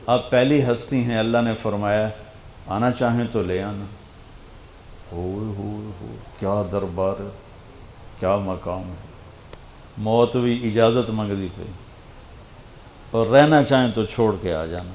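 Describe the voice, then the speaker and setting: Male preacher, echoey room. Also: lowish voice. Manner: emotional storytelling, swinging from loud to hushed. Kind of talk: sermon. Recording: roomy with faint background noise.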